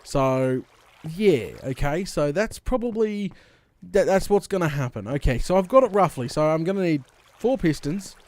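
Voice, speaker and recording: An Australian man hosting a gaming video in casual commentary, rambling and thinking out loud in colloquial speech. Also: fairly high pitch, expressive, normal speed. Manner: rambling, thinking aloud, with mild colloquial swearing. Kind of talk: casual Let's Play commentary. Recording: clear background noise, game clicks and water.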